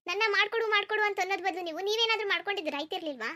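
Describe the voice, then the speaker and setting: In a cartoon, a woman voices a lazy, sleepy young wife who whines and complains, stubbornly refusing to get out of bed. Her very high, bright voice has a forceful edge, and the lines come out rapid-fire.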